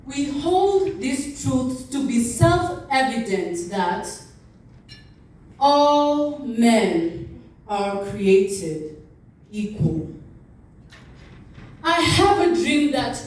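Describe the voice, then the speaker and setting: Woman doing a dramatic speech recital, really slow n high pitched, oratorical, super echoey and off the mic. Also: lively intonation, darkish tone, distant mic. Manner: impassioned, oratorical, with deliberate pauses and repetition.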